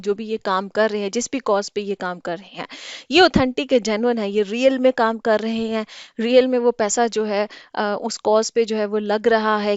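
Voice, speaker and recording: A woman's voice: a little high, smooth, dry recording, highs cut off. A woman teaching English vocabulary in Hindi, explaining patiently and often checking "ठीक है?".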